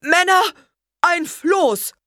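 A woman voicing a small, earnest male apple man with a husky voice. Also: mid-range voice, expressive, unhurried, fairly bright tone, dry recording, clean studio sound, voice pushed up. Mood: urgent.

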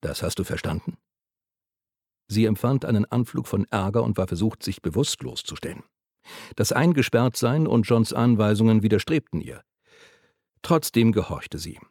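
A male audiobook narrator reading in a calm, even way. His low voice has a gravelly creak, and it is recorded close and dry with no room sound. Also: moderate pace, no room sound. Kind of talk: scripted narration.

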